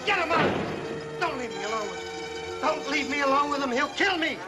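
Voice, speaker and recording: An actor playing a desperate, panicking prisoner in an old crime drama, frantically pleading and repeating himself. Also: male voice, a little high, lively intonation, brisk, loud music behind the voice, lightly acted. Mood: terrified pleading.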